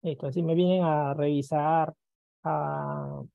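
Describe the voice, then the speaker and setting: A man's voice: a little high, little pitch movement, takes it slowly, vocal fry, no room sound, narrow, tinny audio. A male computer teacher in a screen-recorded lesson who keeps checking in with listeners and acts out students' questions, then answers them himself.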